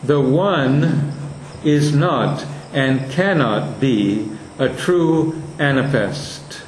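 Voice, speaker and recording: A man lecturing a class on poetic meter, speaking slowly and deliberately and reading verse lines aloud to show where the stresses fall. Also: medium pitch, reverberant, a little hiss or hum, rough recording.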